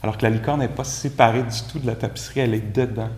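A man with a Québécois French accent gives a Buddhist talk to a group. He sounds relaxed and conversational, with gentle self-mocking humor. His voice sits at an ordinary pitch, and the room around him echoes. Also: rapid-fire. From Quebec. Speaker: meditation teacher.

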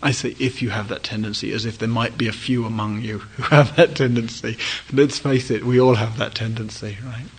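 A male meditation teacher giving a dharma talk at a retreat, speaking gently in short, inviting phrases with pauses. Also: mid-range voice, fairly even intonation, slightly rough, poor audio.

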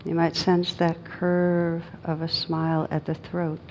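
This meditation teacher leads with a low, gentle voice touched by vocal fry, keeping her pitch very steady. Long, calm pauses fall between her phrases, and faint noise and rumble linger in the background.

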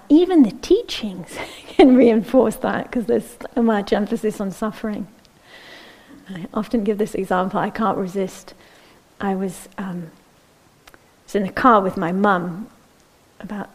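A woman meditation teacher speaks in a mellow, warm-toned voice at an everyday pitch. She gives a gentle, unhurried dharma talk, often checking in with a soft "yeah?". At times her voice drops to a breathy near-whisper. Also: rough recording.

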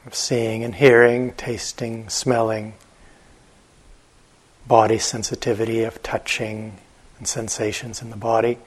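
With a husky, medium-pitched voice, a man gives guided meditation instructions as the teacher. His pace is gentle and unhurried, with long pauses throughout.

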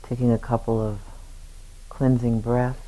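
This man's pitch is medium and barely moves as he teaches a guided meditation. He keeps his phrases short, gentle and unhurried, leaving long pauses, and the recording is rough.

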